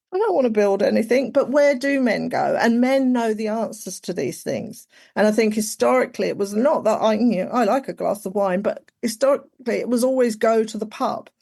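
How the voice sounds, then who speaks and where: A woman's voice: on the high side, expressive, normal speed, vocal fry, few pauses, darkish tone. A woman, chatting casually as a podcast guest, full of "like" and "you know". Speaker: guest, executive coach.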